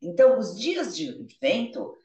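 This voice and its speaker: Brazilian woman teacher, lively, roomy sound. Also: medium pitch, muffled recording. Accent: Brazilian Portuguese. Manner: reads each line slowly, then translates and explains. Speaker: English teacher. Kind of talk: explaining a dialogue, switching languages. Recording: roomy, from a distance.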